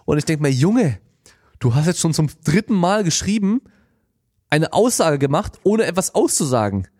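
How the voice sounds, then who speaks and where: Young guy podcasting from his seat, animated slangy rambling, mid pitch, super dry mic. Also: no echo. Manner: animated, slangy storytelling, acts out quoted lines. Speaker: podcast host. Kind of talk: casual monologue. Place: home studio, seated. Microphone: podcast microphone.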